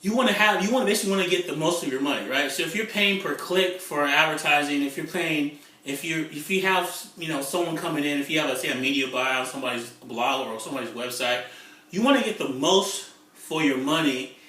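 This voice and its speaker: A middle-aged man talking in a casual vlog about online marketing, excitable and rambling, often repeating himself. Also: fairly high pitch, fairly quick, distant mic. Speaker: internet marketing vlogger. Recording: echoey room, away from the mic.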